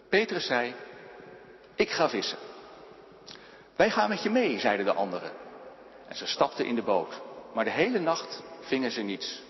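A man reading a Bible passage aloud in a church, slow and solemn, with rising and falling delivery. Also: mid-range voice. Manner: measured, solemn reading with lively rises and falls. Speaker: preacher reading scripture. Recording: dull sound in a long-reverb church hall.

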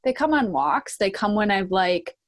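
A woman's voice: mid-range voice, sing-song, moderate pace. Chatty, informal woman hosting a podcast. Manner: informal, chatty, self-deprecating. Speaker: podcast host. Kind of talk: casual conversational interview.

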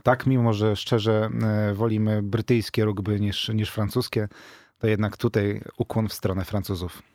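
Middle-aged man, lowish voice, dry studio sound, patient explainer with fillers. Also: level tone, moderate pace, darkish tone, dry recording. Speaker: rugby club president, guest. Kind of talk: radio interview.

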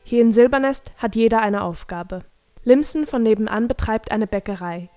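A woman's voice: fairly high pitch, expressive, normal speed, darkish tone, dry recording, faint music behind, close to an everyday voice. A woman reading the lines of a big, proud male forest creature who fusses over his garden, lecturing fondly, in a dry, close recording. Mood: proud fussy.

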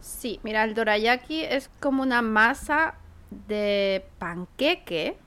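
Woman, slow and steady talker, kinda high voice, easygoing podcast chat. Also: smooth. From Chile. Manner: measured, unhurried, with soft agreeing murmurs. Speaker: podcast co-host. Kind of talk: casual chat.

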